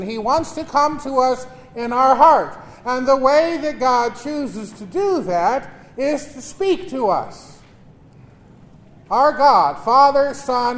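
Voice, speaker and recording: A man speaking as a priest at Mass with emphatic, deliberate delivery, his voice echoing in a large church. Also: very high voice, fairly bright tone. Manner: emphatic, deliberate pauses and repetition. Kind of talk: gospel reading and homily. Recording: cathedral-like echo, long church reverb.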